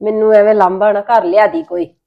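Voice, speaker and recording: A woman's voice: mid-range voice, fairly even intonation, a little fast, gravelly, highs cut off. A woman with a Punjabi accent playing an exasperated elder sister who scolds and complains. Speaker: elder sister in a family drama. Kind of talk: Punjabi web-series acting.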